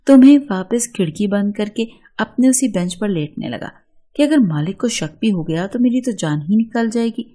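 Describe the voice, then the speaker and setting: A woman with an Urdu accent reading a first-person story in a steady, earnest storytelling manner. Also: medium pitch.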